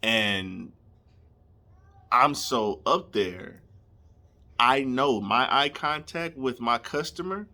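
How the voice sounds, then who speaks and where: A man's voice: medium pitch, lively intonation, takes it slowly, pauses often, bright, forceful tone. A young man, telling a comedic story casually and animatedly, laughing and acting out scenes. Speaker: storyteller vlogger.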